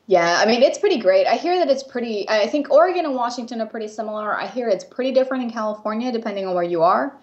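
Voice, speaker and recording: A woman in her twenties with an American accent, who grew up in Japan, chats as a guest artist in a casual interview, friendly, laughing easily, and saying um a lot. Her fairly high voice is lively and fast with barely any pauses, on lo-fi audio.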